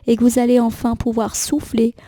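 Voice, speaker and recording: A woman with a cold gives a gentle, reassuring daily tarot reading, thinking aloud with small fillers. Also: on the high side, completely flat delivery, normal speed, no echo. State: has a cold. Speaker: tarot card reader.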